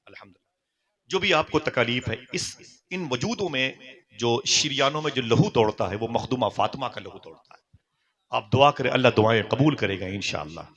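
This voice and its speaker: A man preaching a sermon as a story, swinging from loud exclamations to hushed tones and calling on the crowd to answer aloud. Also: mid-range voice, lively intonation, normal speed. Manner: calls on the audience to respond aloud.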